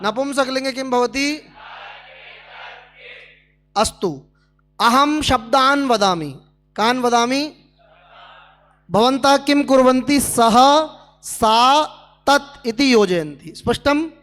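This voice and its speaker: A man's voice: very high-pitched, takes it slowly, long pauses, fairly bright tone. A man teaching a Sanskrit class at a speaking camp, drilling students with questions.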